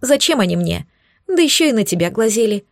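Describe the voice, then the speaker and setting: A woman's voice: mid-range voice, very animated, fairly quick, vocal fry, dry recording, studio quality. A woman playing a sarcastic young witch duchess. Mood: sharp, teasing. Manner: sarcastic, blunt, teasing. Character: sharp-tongued young female witch duchess.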